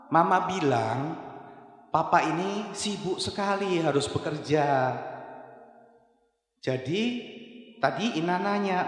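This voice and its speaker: A man voicing a shy eight-year-old girl who pleads softly with her father. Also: a little high. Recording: echoey hall with long reverb.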